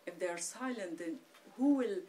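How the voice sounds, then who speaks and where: A woman's voice: medium pitch, expressive, normal speed, dark tone. A woman from Afghanistan giving a talk to an audience in a meeting room, earnest and hesitant with many fillers. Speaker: lecturer. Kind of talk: public talk. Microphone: far camera. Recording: distant room sound, faint noise.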